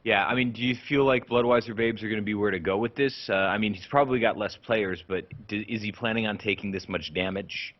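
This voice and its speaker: Low-voiced man co-commentating casually. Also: steady tone, fairly quick, few pauses. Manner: chatty, asks questions, laughs easily. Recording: dull lo-fi audio.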